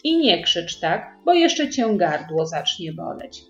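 A woman voicing a patient mother who gently scolds her daughter. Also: on the low side, very animated, slow, exaggerated voice. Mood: firm. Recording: roomy, dull sound with faint music.

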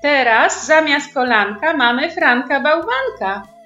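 A woman reading a storybook voices a lively, cheeky little girl with a high, squealing, excited voice, in a roomy recording with faint music. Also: takes it slowly, muffled recording, heavily acted. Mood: playful.

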